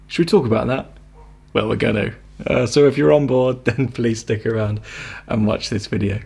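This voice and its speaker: A man's voice: mid-range voice, normal speed, gravelly, darkish tone. A man, a spiritual coach talking casually to camera, rambling with asides and tag questions.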